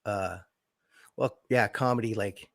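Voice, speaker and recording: A man in his forties, a guest on a comedy podcast, talking in a gruff, profane and self-deprecating way. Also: on the low side, measured pace. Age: 40s. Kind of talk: casual comedic podcast chat.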